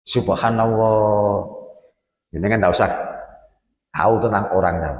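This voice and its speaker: A middle-aged man with an East Javanese accent delivers a Sunday morning sermon, speaking slowly and deliberately. He moves between loud, urgent exhortation and hushed storytelling, addressing his listeners directly. His voice rings out in an echoey mosque hall with a long reverb tail. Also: on the low side. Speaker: preacher.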